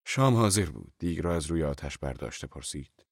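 Calm low-voiced male narrator. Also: gravelly, breathy edge, dry recording, clean studio sound. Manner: measured, calm storytelling. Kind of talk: first-person audiobook narration.

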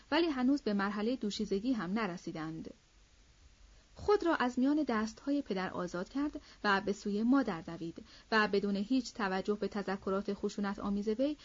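A woman narrating a classic novel as an audiobook in a steady, measured reading voice. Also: medium pitch. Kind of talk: scripted literary narration. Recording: slightly dull lo-fi audio.

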